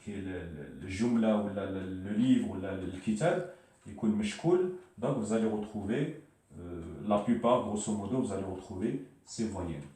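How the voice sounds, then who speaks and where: Man, low mellow voice, patient teacher, repeats syllables, echoey room, distant mic. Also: expressive, normal speed. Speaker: Arabic teacher. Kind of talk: slow spoken lesson at a board.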